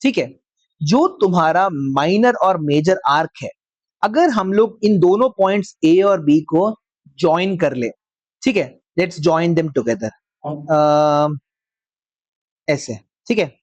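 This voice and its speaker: A man teaching a maths class, dictating slowly word by word and often checking whether the students follow. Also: on the high side, expressive, no echo, highs cut off. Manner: slow dictation word by word, checks with frequent questions. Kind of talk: live class lecture.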